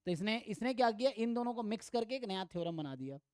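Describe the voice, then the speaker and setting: A man teaching an online exam-prep math lecture, thinking aloud and reading theorem statements slowly. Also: high voice, lively intonation, darkish tone, clean tone, no room sound, clean studio sound. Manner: thinks aloud, mixes Hindi with English terms. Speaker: math tutor.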